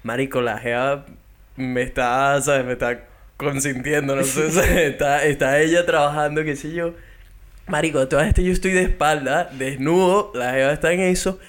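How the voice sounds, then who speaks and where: A man's voice: a little high, normal speed. A young man with a Venezuelan accent, co-hosting a casual podcast chat and telling stories with lots of laughter. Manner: animated storytelling, laughs often. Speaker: podcast co-host.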